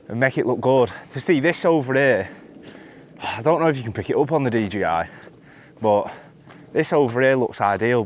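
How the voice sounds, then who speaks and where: A man's voice: mid-range voice, a little hiss or hum. Rambling young man on a hike. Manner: casual, chatty, self-deprecating, lots of fillers. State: out of breath. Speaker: vlogger. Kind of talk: rambling hiking vlog. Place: outdoors on a hiking trail.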